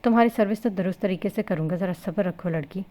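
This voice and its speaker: A woman's voice: mid-range voice, warm tone, lightly acted. A woman doing a cold, bossy young husband. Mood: exasperated. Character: blunt young husband, sharp-tongued and cold. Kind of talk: novel reading with character voices.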